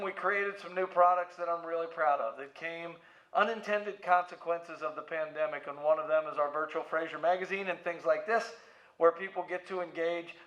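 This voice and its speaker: In an echoey space with somewhat dull audio, a middle-aged American man who heads a museum as president and CEO gives relaxed, playful interview answers built around stories. His voice is on the high side and fairly bright.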